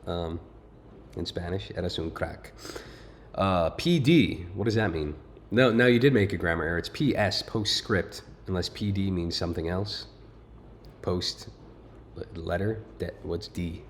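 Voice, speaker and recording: A man's voice: sits low, measured pace, a little hiss or hum. A man hosting a casual video, reading a viewer's letter aloud and breaking off to comment in an informal, rambling way.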